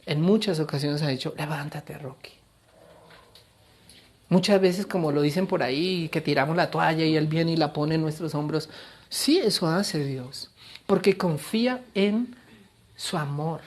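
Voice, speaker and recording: Husky-voiced male pastor preaching. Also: on the high side, measured pace. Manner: animated, playful preaching that acts out voices. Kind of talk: sermon.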